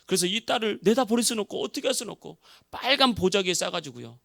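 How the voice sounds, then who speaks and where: A man's voice: sits high, lively intonation, fast talker, vocal fry, pushed and bright, dry recording, clean studio sound. A male pastor preaching a sermon, telling a story with feeling and acting out the quoted voices. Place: church sanctuary.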